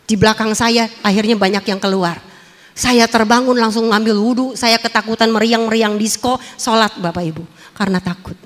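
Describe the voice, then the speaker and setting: High-voiced woman. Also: long reverb tail. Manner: lively, animated storytelling, addressing the audience directly. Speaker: testimony speaker. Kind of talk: church testimony to a congregation.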